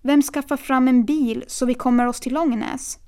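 A woman's voice: sits high, fairly even intonation, warm tone, natural voice. A woman voicing a scheming man who slurs his words, in an audiobook. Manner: slurred speech. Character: slurring crew-cut man in a rumpled suit, scheming.

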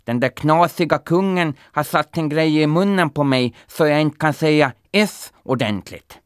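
A man's voice: fairly high pitch, clear, resonant tone, no echo, studio quality, pitched above the performer's own voice, natural voice. A man voicing a clumsy, cheerful talking horse in a storybook, chatty and upbeat.

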